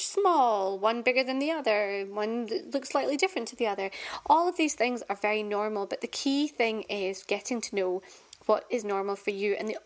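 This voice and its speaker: Scottish doctor lady in her 30s, chatty storyteller, lots of "you know", a bit high-pitched. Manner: chatty storyteller with frequent fillers. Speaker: doctor and podcast co-host. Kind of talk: casual chat.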